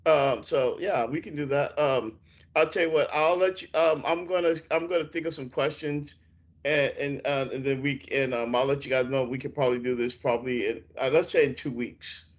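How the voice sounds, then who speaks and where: A man hosting a casual podcast chat, rambling and halting with many fillers. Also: mid-range voice, highs cut off. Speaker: podcast host.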